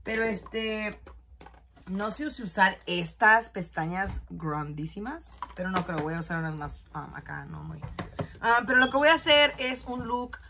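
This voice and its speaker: A woman's voice: mid-range voice, unhurried, vocal fry, pushed and bright, slight background noise. A woman, chatting casually and switching between Spanish and English as she films a beauty vlog. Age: 20s. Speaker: beauty vlogger. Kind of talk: casual get-ready-with-me chat. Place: small bedroom indoors.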